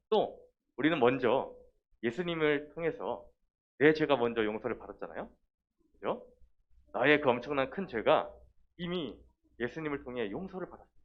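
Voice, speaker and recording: A man preaching a children's sermon in a lively way, talking straight to the kids and acting out little scenes. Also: medium pitch. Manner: lively, talks directly to the children and acts out quotes. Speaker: children's pastor. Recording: dull lo-fi sound.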